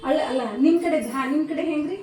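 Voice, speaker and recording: A woman's voice: sits high, steady tone, fast talker, darkish tone. A woman vlogger with a North Karnataka Kannada accent, chatting casually with a shop owner, asking prices and speaking directly to her viewers. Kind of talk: casual vlog chat and shop visit. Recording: echoey room, mic at a distance, faint noise.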